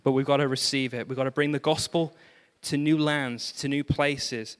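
A man pastor preaching a sermon, animated, with self-deprecating humor and exclamations of praise. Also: medium pitch, moderate pace, smooth, big-room sound.

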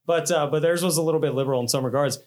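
Rambling man, slightly high voice. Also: racing, darkish tone. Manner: rambling, self-deprecating, laughs often. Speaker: podcast host. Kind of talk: casual chat.

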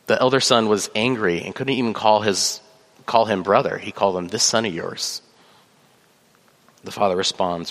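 A man preaching a sermon as pastor, measured, with fillers, reading scripture aloud. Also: on the low side, fairly bright tone. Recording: long hall reverb.

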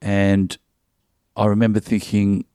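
Here the Melbourne comedian, a middle-aged Australian, sounds fairly low, dark, clear, and resonant, with little pitch movement and a slow pace. As an interview guest he chats casually and tells jokey stories, frequently restarting. It is a dry, studio-quality recording.

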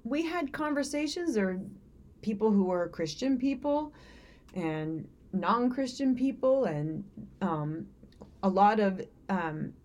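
A woman with a Southern accent talks earnestly in a casual podcast chat, rambling and restarting as she goes. Her voice sits at a middle pitch for a woman. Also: expressive, takes it slowly, a little mellow.

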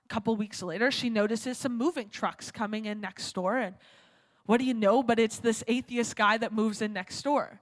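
Casual, animated woman preacher. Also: a little high, moderate pace, big-room sound. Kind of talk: sermon.

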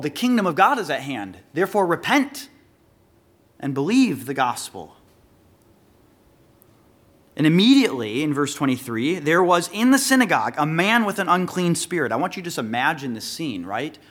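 A man preaching a sermon, reading scripture aloud and explaining it verse by verse, slowing to stress key words. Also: a little high, a bit bright. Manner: earnest expository preaching, reads scripture then explains it. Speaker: pastor.

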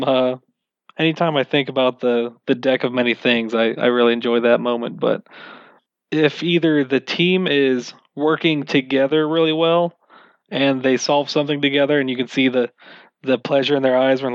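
A man's voice: mid-range voice, no echo, muffled recording. A man being interviewed about running tabletop games, answering in a casual, rambling and self-mocking way. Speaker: game master being interviewed.

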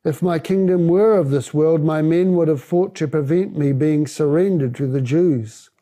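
A man voicing a calm, steadfast man on trial in a scripture reading. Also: a little high, moderate pace, natural voice.

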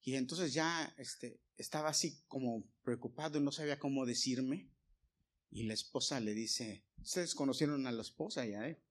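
A man preaching a sermon, telling anecdotes with quoted dialogue and direct asides to the congregation. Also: medium pitch.

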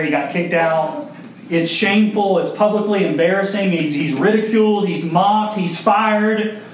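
A man's voice: on the high side, slight background noise. A young man preaching a sermon, speaking directly to his congregation and building in intensity. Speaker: pastor. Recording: echoey hall, mic far off.

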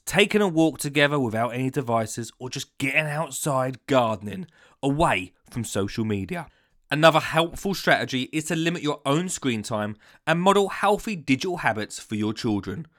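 A man's voice: mid-range voice, fairly bright tone. A man hosting a gardening podcast, talking in an upbeat, chatty way with scattered ums. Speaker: podcast host, gardening educator. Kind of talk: casual podcast chat.

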